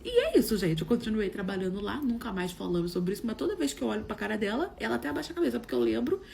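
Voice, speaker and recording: A woman telling a funny personal story, quoting people with lively shifts of voice. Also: a little high, racing, creaky, a little hiss or hum. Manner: lively, dramatic quoting of others. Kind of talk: casual spoken anecdote.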